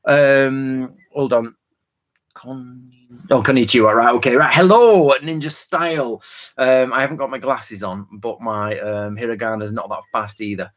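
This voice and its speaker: A man's voice: medium pitch, steady tone, measured pace. A man, hosting a casual live Q&A and rambling chattily from one tangent to the next. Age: 40s. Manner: informal slang and frequent fillers. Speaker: host of a live Q&A stream. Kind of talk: casual live-stream Q&A lecture.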